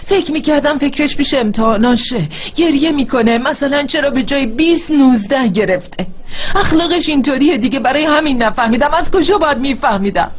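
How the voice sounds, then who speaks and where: A woman's voice: sits high, lively intonation. An actress playing an anxious, bewildered woman in a television drama.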